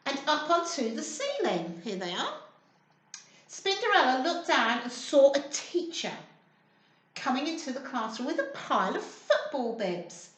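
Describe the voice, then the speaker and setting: The female storyteller has a high, fairly bright voice with big swings in pitch and an unhurried pace. She reads a picture book to young listeners, prompting them with simple questions, and the indoor recording echoes.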